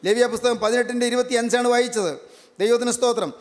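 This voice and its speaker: An older man preaching a sermon, emphatic and repetitive, slowing down to stress key words. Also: very high-pitched, fairly even intonation. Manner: emphatic, repeats each verse phrase, slows on key words. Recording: long hall reverb.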